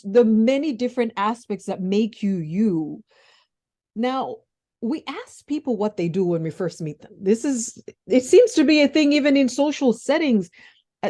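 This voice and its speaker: Her voice is mellow and on the high side. As host of an interview podcast, she talks eagerly with her guest and keeps starting her sentences over.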